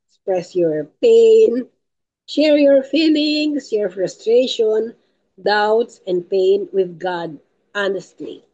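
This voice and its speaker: A woman's voice: medium pitch, warm tone, muffled recording. A woman giving a teaching talk at a prayer group, emphatic and repeating her key points, with tearful moments. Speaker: lay speaker at a prayer group.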